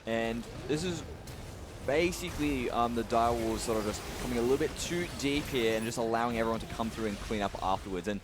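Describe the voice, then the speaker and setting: A man's voice: mid-range voice, noisy background. A man breaking down esports replays at speed, piling on fillers as he walks through the plays. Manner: fast, filler-heavy play-by-play breakdown. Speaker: esports analyst.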